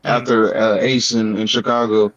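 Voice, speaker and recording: A man appearing as a guest on a casual podcast, recounting his experiences in a relaxed, easygoing way. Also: on the low side, moderate pace. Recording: dull, lo-fi sound.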